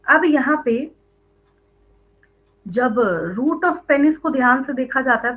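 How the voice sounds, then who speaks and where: A woman teaching biology in an online class, explaining step by step, asking her students questions and repeating the answers, with English terms mixed into her speech. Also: on the high side. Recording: tinny phone-like online audio.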